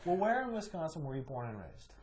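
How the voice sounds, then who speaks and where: A man's voice: on the high side, big pitch swings, quick pace, crowd noise. A man hosting a talk show in casual interview style, asking eager prompting questions.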